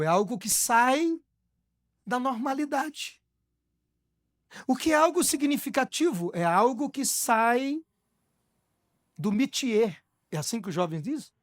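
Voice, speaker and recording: A man's voice: sits high, no room sound. Man, middle-aged, pastor, church sermon, repetitive exhortations, dry sound. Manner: repeats exhortations, swinging from shouted to hushed. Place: church service before a congregation.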